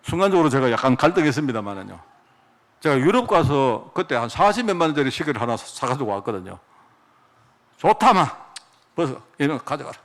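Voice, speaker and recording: Male pastor, middle-aged, sermon, rhetorical questions, swooping animated pitch. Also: quick pace. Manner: storytelling, rhetorical questions to the congregation.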